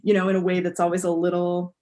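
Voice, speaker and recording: A woman co-hosting a podcast, talking things through in a thoughtful, animated way. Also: lowish voice, quick pace. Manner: thoughtful, animated, many fillers. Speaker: podcast co-host. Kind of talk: casual chat.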